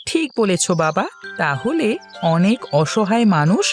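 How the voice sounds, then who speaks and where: A woman's voice: mid-range voice, sing-song, a little slow, faint music behind. A woman voicing a good-hearted young village boy in a cartoon, talking earnestly and eagerly. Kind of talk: cartoon voice acting.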